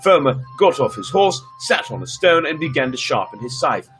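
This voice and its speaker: Soft background music plays as a man reads fairy tales aloud on a livestream, his fairly high voice sing-song and a bit bright at a moderate pace. As storyteller and host, he performs them theatrically and playfully, dropping in chatty asides.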